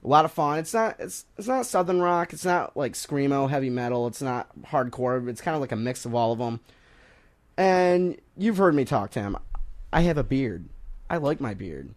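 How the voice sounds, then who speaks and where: Young man, radio host, lively up-and-down voice, joking, rambling. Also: medium pitch. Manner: joking, rambling, quick to laugh. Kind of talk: casual college radio banter.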